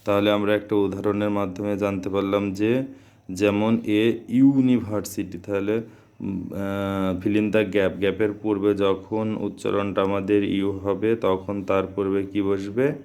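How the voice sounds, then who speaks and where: A man's voice: on the low side, flat delivery, measured pace, a little mellow, smooth. A man teaching a grammar lesson, who keeps asking questions and answering them himself.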